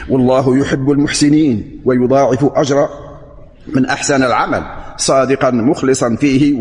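A man's voice: mid-range voice, a little mellow. A man preaching a sermon, reading a prepared text and then explaining it in colloquial dialect. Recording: long hall reverb.

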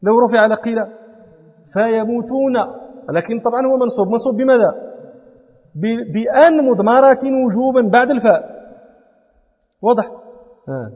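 A man's voice: extremely high pitch, lively intonation, brisk, pauses often, breathy edge. Man lecturing in an echoey hall. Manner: explains patiently, quizzes students. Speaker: teacher of Islamic law and Arabic grammar. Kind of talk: classroom lecture. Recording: lo-fi recording in a reverberant hall.

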